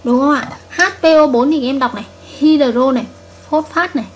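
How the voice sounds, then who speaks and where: A woman's voice: sits high, fairly quick, darkish tone. A woman chemistry teacher giving a recorded video lesson, patiently repeating each point and checking with her students.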